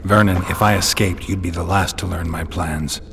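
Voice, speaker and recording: An actor voicing a jaded monster hunter held prisoner in a video game, dry, deadpan and sarcastic. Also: male voice, low voice, moderate pace, gravelly, heavy background noise. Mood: sardonic.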